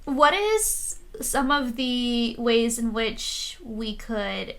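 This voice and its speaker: Host, woman, higher-pitched bright voice, earnest and measured in casual chat. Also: lively intonation. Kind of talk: casual conversation.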